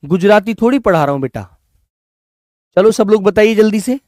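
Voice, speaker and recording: High-voiced teacher drilling spelling. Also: male voice, expressive, a little mellow, no room sound, studio quality. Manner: coaxing, repeats words slowly to students. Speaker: Hindi teacher. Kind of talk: online class lesson.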